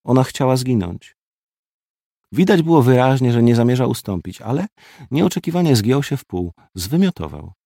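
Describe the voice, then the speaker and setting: A man narrating a first-person audiobook in a terse, gruff manner. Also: medium pitch, very animated, fairly quick, mellow, no room sound, studio quality.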